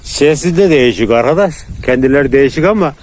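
A man talking casually to viewers about his dogs outdoors, now and then calling to them in high, loud bursts. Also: animated, normal speed, a little hiss or hum. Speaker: dog breeder filming his dogs.

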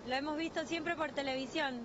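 High-voiced Argentine woman on the beach. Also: steady tone, brisk, highs cut off, background noise. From Argentina, San Juan. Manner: friendly, chatty. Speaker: interviewed tourist. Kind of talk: casual street interview. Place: beach outdoors. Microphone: reporter's handheld mic.

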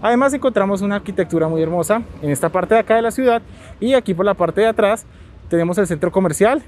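A man's voice: high-pitched, fast talker, darkish tone. A young man talking through a face mask, casually vlogging about a trip from Colombia and enthusiastically touring a restaurant and the city streets. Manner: enthusiastic, leans on filler phrases. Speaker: travel vlogger. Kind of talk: casual travel vlog. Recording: crowd noise around the speaker.

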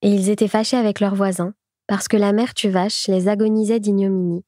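A woman reads a classic short story aloud as an audiobook. Her narration is even and clear, her tone dark and mellow. The sound is dry and close. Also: medium pitch, a little fast, no echo. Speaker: audiobook reader. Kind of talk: scripted literary narration.

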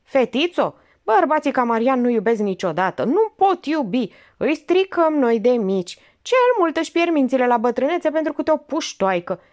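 A woman's voice: high-pitched, very animated, hardly any pauses, a little mellow, pitched above the performer's own voice. A woman reading an audiobook, voicing a worldly, scornful elderly aunt who lectures with cutting irony. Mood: sardonic.

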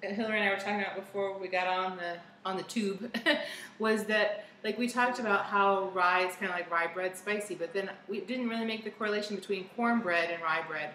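A woman's voice: medium pitch, fairly quick, bright, forceful tone, reverberant, a little hiss or hum, low-quality recording. A bubbly, giggly woman co-hosting a casual whiskey tasting chat in a bar's party room. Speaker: co-host.

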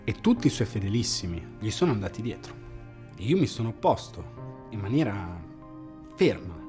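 A man playing a disillusioned former party member in a mockumentary interview, recounting events in a flat, matter-of-fact way. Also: fairly low pitch, normal speed. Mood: deadpan. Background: background music.

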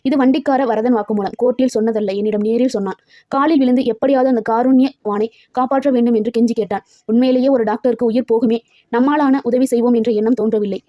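A woman reading a story aloud as narrator, with a steady, expressive delivery. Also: on the high side, fast talker, no echo, lo-fi sound.

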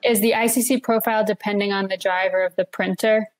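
Female webinar moderator, brief polite question reading, mid-pitched. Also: steady tone, quick pace.

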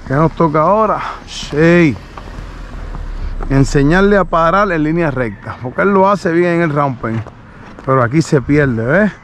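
A man with a slightly high voice talks viewers through training a young horse on an open road, his delivery calm and patient. Between explanations he murmurs short soothing commands to the animal, and faint outdoor noise sits behind him. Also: unhurried.

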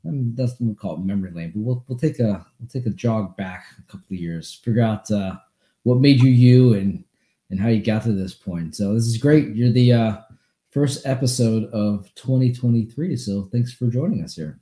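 Very dark-voiced male host, echoey room. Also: lowish voice, moderate pace. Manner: rambling, repeating and restarting phrases. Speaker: podcast host. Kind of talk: casual interview. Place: home office with bookshelves. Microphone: video call webcam. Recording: echoey room over video call.

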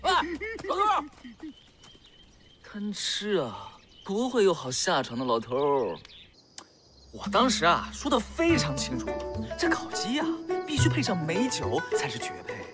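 An actress playing a young martial-arts rascal in a costume drama, scheming, smug and teasing with sing-song exclamations. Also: female voice, fairly low pitch, huge pitch swings, unhurried, pauses often. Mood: smug, mocking. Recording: loud music over the voice.

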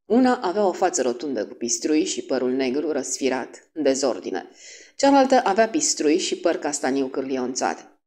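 Expressive low-voiced woman narrator. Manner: expressive, voicing each character. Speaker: audiobook narrator. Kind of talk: audiobook narration.

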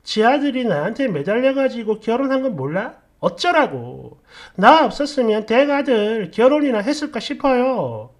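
Blunt, lively woman storyteller. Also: a little high, normal speed, few pauses. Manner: blunt, sarcastic, animated. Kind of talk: casual storytelling narration.

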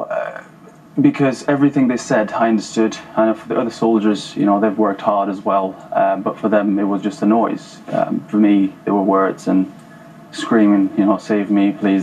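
A man in his thirties, originally from Afghanistan, speaking as a guest in a TV studio interview. He talks haltingly, with repeated words and fillers, into a lapel mic. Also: fairly low pitch, level tone, a little mellow, slight background noise, rough recording. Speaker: former paratrooper guest. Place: TV studio sofa.

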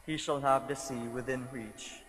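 Guy doing the bible reading at mass, formal, really slow, long cathedral echo. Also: medium pitch, fairly even intonation, fairly bright tone. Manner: formal, deliberate, short measured phrases. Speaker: lector at Mass. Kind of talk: solemn scripture reading. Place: large church during Mass. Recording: long cathedral echo through church speakers.

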